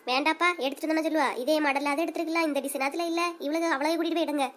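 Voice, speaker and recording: A woman's voice: high-pitched, fairly even intonation, racing, close to an everyday voice. A woman voicing a sweet, emotional young daughter in a cartoon comedy, speaking with a Kanyakumari Tamil accent.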